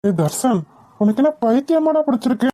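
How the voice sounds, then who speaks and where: Young cartoon friend, earnest scold, voiced by a woman; mellow, dry. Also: on the high side, lively intonation, brisk, no room sound. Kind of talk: cartoon voice acting.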